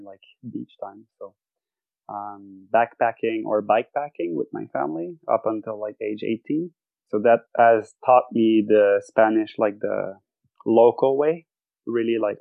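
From his home bedroom, a French-speaking Quebec athlete joins a casual podcast interview, pausing to find his words as he reflects. He talks at a moderate pace in a lowish, gravelly voice. The sound is tinny and narrow, without any room echo.

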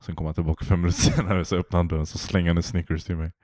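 Podcast co-host, male, low voice, dry close mic, laid-back storyteller. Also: flat delivery, a little mellow, dry recording. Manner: laid-back, rambling, laughs often. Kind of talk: casual chat, storytelling.

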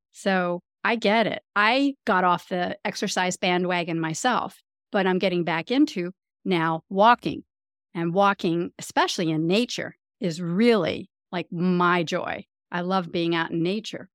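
A woman's voice: mid-range voice, no room sound. A woman podcast host with a mid-range voice. She affirms her guest and chats easily, speeding up when she gets going. The recording is dry and close. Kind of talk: podcast interview.

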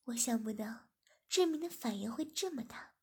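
High, husky woman reading a story. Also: normal speed. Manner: plain, steady storytelling. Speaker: narrator.

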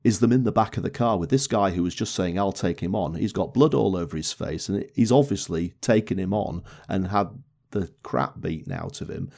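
A man with a fairly low voice talks excitedly about a film on a casual podcast. He often restarts his sentences and breaks into laughter as he recalls scenes. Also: creaky. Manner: animated, laughing, many restarts and fillers. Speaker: podcast co-host. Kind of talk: casual film review chat.

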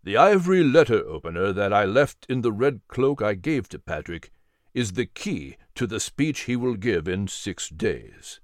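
A man voicing a wise storybook mentor, low and deliberate, yet still rising and falling as he gives his cryptic charge. The read is close and dry. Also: very animated, dry recording. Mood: solemn. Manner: grave, measured pronouncements. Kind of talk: storybook character voice.

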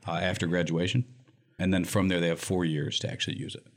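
A man's voice: sits low, level tone, quick pace. A man from Michigan, a nonprofit director answering interview questions in an earnest, emphatic way and often tagging his points with "right?". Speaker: nonprofit executive director, guest.

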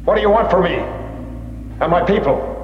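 A curt, tense space commander. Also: male voice, high-pitched, animated, a little slow, lo-fi sound, a little hiss or hum. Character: tense male commander under strain, pushing others away. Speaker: base commander. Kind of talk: 1970s TV sci-fi drama acting.

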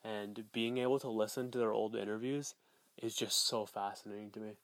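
Give me a man's smooth, dry phone voice memo. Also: lowish voice, fairly even intonation, brisk, dry recording. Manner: rambling, self-assured, heavy on filler words and swearing. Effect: voice memo recorded on a phone recorder app. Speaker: podcast host. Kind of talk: solo podcast monologue. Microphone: phone voice recorder app.

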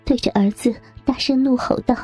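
Woman, audio story narration, breathy, soft half-whisper, faint music underneath. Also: on the high side, moderate pace.

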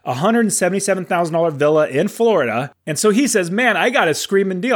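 A man of forty hosting his podcast, talking in an enthusiastic, encouraging way, with some fillers and restarts. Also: high-pitched. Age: 40s. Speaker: podcast host. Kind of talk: upbeat podcast monologue.

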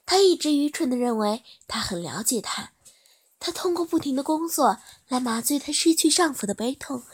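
A woman narrating a story in a soft, steady reading voice. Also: high-pitched, normal speed.

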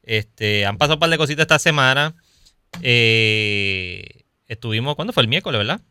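A man with a Puerto Rican accent hosting a casual livestream chat, lively and greeting viewers as they join. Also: mid-range voice, normal speed, smooth. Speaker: podcast host. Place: home at night.

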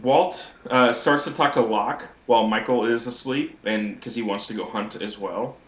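A man's voice: mid-range voice, moderate pace, fairly bright tone. A man co-hosting a podcast, giving a wry, rambling recap of a TV episode in casual chat. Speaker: podcast co-host. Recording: echoey audio, as if in a sewer.

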